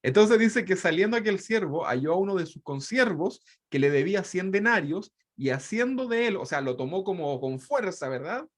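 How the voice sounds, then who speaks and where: High-voiced man teaching a Bible lesson. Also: animated, normal speed, few pauses. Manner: reads scripture aloud and breaks in with asides; ends phrases with a questioning tag. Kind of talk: online Bible study lesson.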